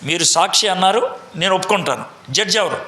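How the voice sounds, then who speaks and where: A man's voice: sits high, animated, a little fast, roomy sound, crowd noise. A man teaching a Bible lesson to a meeting, quizzing the audience and mixing in English phrases. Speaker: preacher. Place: large meeting hall.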